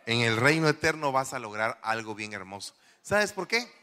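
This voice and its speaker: A middle-aged male pastor giving an animated sermon in a church, firing rhetorical questions at the congregation. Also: medium pitch, normal speed. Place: church hall. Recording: long church reverb.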